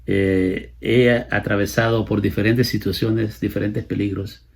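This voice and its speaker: This late-fifties man with a Salvadoran accent delivers a sermon explaining the Bible, driving points home through repetition. He speaks unhurriedly in a lowish register with fairly even intonation and some vocal fry.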